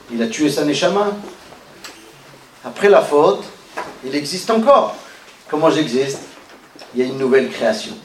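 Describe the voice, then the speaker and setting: A man giving a religious lesson, questioning and teasing his listeners, rising to calls and dropping to murmurs. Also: slight background noise. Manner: animated, questions and teases listeners, swings from loud calls to low murmurs. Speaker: rabbi teaching a class. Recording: echoey room, voice from far off.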